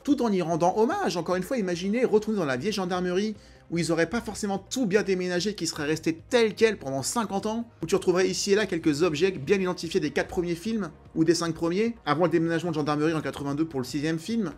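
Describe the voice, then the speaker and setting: A man's voice: high voice, fast talker, darkish tone. A man hosting an enthusiastic, chatty, opinionated film commentary. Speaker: film video host.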